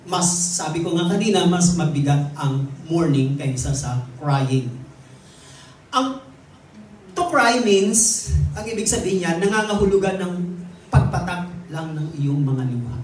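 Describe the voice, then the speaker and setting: A man's voice: a little high, lively intonation, moderate pace, darkish tone, a little hiss or hum. A man with a Filipino accent preaching a sermon, teaching in a mix of Tagalog and English with light jokes along the way. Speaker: lay preacher. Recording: echoey room, distant mic.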